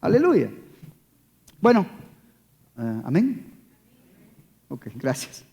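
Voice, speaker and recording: A man preaching a sermon, emphatic, swinging between loud calls and hushed asides. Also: a little high, wildly swooping pitch, extremely slow, gravelly. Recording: long hall reverb.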